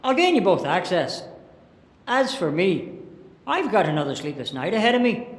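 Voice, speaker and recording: An actor playing a weary, gruffly sardonic Victorian police inspector, blunt and colloquial in film dialogue. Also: male voice, high-pitched, big pitch swings, moderate pace. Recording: reverberant hall sound with faint music.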